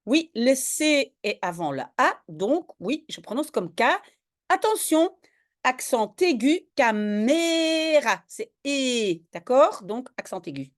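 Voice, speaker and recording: Slow, patient woman tutoring French spelling. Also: high voice, very animated. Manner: slow, patient, explains each word step by step. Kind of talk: one-on-one spelling lesson.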